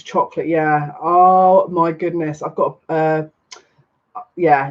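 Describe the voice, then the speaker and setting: A man in his thirties, a psychic reader chatting casually on a live stream, excitable and rambling. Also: fairly high pitch. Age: 30s. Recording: dull lo-fi stream audio.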